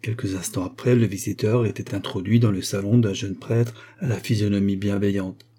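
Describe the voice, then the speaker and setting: A man narrating a classic novel in a measured storytelling voice. His tone is low and dark, with a husky grain to it. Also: fairly even intonation. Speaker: audiobook reader.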